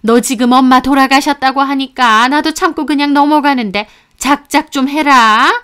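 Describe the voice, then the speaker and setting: A woman's voice: sits high, fairly even intonation, moderate pace, fairly bright tone, voice pushed up. A woman voicing a spiteful older mother-in-law who scolds with sneering contempt. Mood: scolding.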